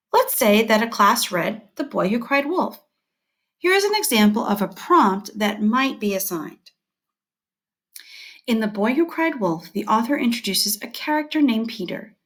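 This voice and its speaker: A female teacher with a slightly high voice reads scripted instructional material aloud. She lays out headings and short points in a measured, deliberate manner.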